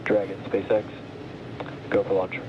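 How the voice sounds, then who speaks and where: A man's voice: sits low, monotone, unhurried, lo-fi sound. A launch controller, a man, giving terse countdown callouts over a distant radio comms loop. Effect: radio comms loop, distant and staticky. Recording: distant radio loop with loud static hiss.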